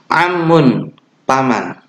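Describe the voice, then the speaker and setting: Teaching kids online, the young man speaks with an Indonesian accent, unhurried and patient, dotting his speech with fillers and minor self-corrections. He's very animated in a mid-range voice and chants the opening prayer, all in an echoey room.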